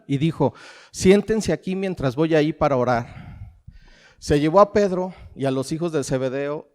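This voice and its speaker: A middle-aged Mexican pastor preaches from the pulpit, his voice set a little high for a man yet dark and mellow in tone. He works through rhetorical questions and answers them himself. The sound rings with the long reverb of a large hall. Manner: preaching with rhetorical questions, calls the congregation "familia". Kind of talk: sermon.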